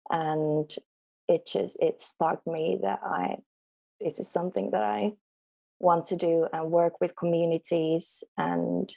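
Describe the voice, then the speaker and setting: A woman's voice: lowish voice, flat delivery, takes it slowly, gravelly, dark tone. A young woman from Finland, a native Finnish speaker, answering as an interview guest over a remote call, hesitant with many ums. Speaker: guest, law student. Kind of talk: casual interview.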